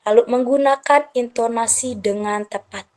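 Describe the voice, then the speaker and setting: Woman teacher, slightly high voice. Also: moderate pace, a little mellow. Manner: methodical, walks through a numbered checklist. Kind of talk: lecture to parents.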